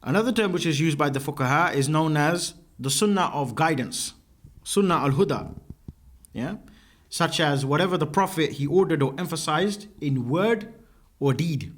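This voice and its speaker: Animated, high-voiced male teacher. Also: moderate pace. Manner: explains terms step by step, checks in with a questioning "yeah?". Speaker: religious teacher. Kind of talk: classroom lecture.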